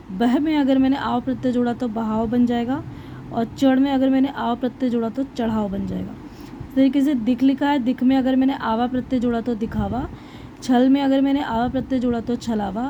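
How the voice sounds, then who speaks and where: A woman's voice: sits high, mellow. A woman teaching a grammar lesson to students, patiently walking through each example one step at a time. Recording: slightly dull lo-fi audio with faint hiss.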